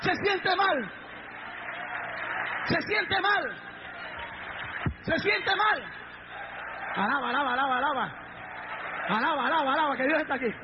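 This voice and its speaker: A male pastor preaching a sermon, fervent and dramatic, often shouting praise. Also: extremely high pitch, lively intonation, normal speed, pauses often, crowd noise. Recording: dull lo-fi recording with faint noise.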